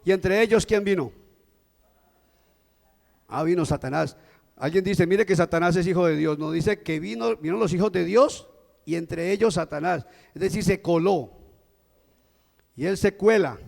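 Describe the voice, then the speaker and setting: A man's voice: fairly high pitch, creaky, darkish tone. A male pastor preaching a Sunday sermon, often putting questions to the congregation and answering them himself. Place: church. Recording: long reverb of a church hall.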